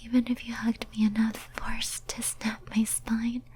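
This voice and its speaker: Playing a possessive, devoted and lonely demoness for ASMR, this woman whispers in a soft, breathy voice that's a little high and monotone. She sounds tender and yearning, clingy and intimate, slow and halting.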